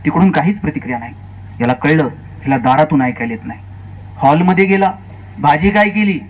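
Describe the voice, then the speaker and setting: A man's voice: animated, fast, poor audio. A man speaking lecture style to an audience, telling humorous stories and acting out the dialogue in changing voices. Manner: storytelling, acts out quoted dialogue with shifting pitch. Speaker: public speaker. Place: stage at a lecture series before an audience.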